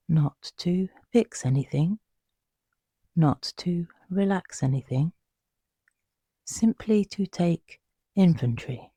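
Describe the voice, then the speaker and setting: Guiding a listener toward sleep, a meditation guide talks very slowly in a mellow, breathy hush with a mid-range voice. Long pauses separate the soothing, unhurried phrases, and the sound is dry and close with no echo.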